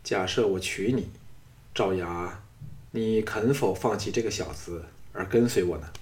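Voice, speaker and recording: A man's voice: low-pitched, measured pace, darkish tone. A man voicing a lecherous, scheming middle-aged nobleman who talks in a leering, commanding way.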